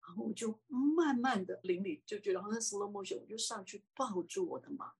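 Animated husky woman telling a testimony. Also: a little fast. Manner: animated, swinging from excited high exclamations to hushed speech. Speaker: interview guest. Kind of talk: personal faith testimony storytelling.

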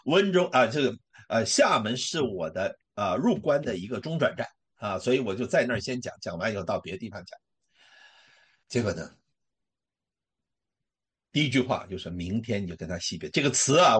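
Husky man, lively pitch, emotional personal testimony, workplace minister. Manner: emotional, animated storytelling with many fillers.

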